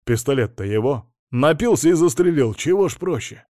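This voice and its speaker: A man's voice: fairly high pitch, expressive, moderate pace, warm tone, dry recording, studio quality, voice pushed up, close to an everyday voice. A man voicing a stern middle-aged male police chief who lectures and scolds his subordinate in an audiobook. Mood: sarcastic.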